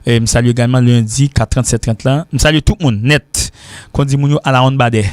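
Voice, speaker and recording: A man with a Haitian accent teaching an informal English lesson, who repeats words slowly to drill their pronunciation. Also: medium pitch, fairly even intonation, no echo. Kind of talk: informal lesson mixing French and Creole.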